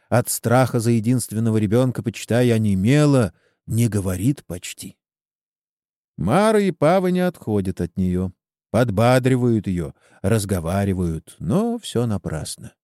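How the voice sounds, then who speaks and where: A man reads a sorrowful story aloud, shaping the lines with feeling. His voice is mellow and lively in pitch, recorded close and dry. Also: dry recording. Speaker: narrator. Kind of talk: storybook reading.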